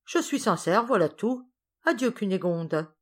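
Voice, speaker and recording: A woman's voice: medium pitch, animated, unhurried. A woman doing a cool curt society lady.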